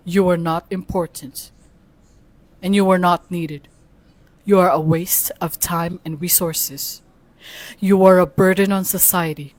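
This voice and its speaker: A woman voicing a cold, menacing AI chatbot, reading slowly and deliberately. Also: fairly low pitch, no echo, pitched below the performer's own voice. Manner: slow, flat, deliberate delivery.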